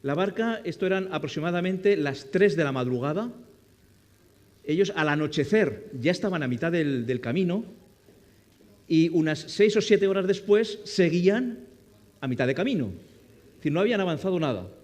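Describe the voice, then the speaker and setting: A man's voice: fairly high pitch, lively intonation, normal speed, darkish tone, long reverb tail. A man preaching a sermon who asks his listeners questions and acts out what the people in the story say.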